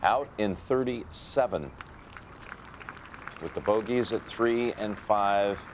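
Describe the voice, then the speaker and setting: Low-voiced male golf commentator, understated. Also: slow. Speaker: golf commentator, broadcast anchor. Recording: outdoor broadcast, faint background noise.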